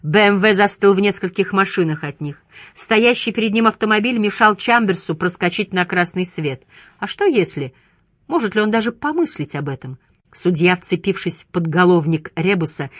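A woman narrates an audiobook in a steady storytelling manner. Her voice sits on the low side, recorded dry and close with no room sound. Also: normal speed, dry recording.

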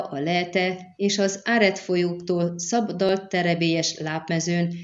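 A woman reading a fantasy novel aloud in a measured, even narration. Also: fairly low pitch, highs cut off. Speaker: audiobook narrator.

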